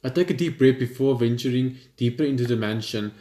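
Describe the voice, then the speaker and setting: A young adult man with a medium-pitched, brisk voice reads visual novel text as a let's player, stumbling over words and reacting casually. He's in a room at home, and the recording has a roomy echo with clear background noise.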